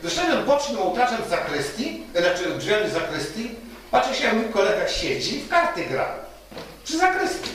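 Here a pastor's high, fairly bright voice swings widely in pitch as he preaches a little fast, weaving stories and tossing out rhetorical "tak?" ("right?") questions to the congregation. The recording is distant and echoey, with a little hiss or hum.

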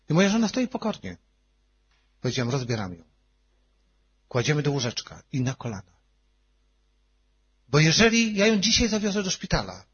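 A male pastor telling a personal testimony in a sermon, emotional, swinging between hushed and loud. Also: mid-range voice, breathy edge, highs cut off.

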